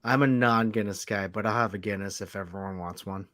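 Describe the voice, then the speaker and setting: A man's voice: on the low side, steady tone, fairly quick, crowd noise. A man joking around in a casual podcast chat.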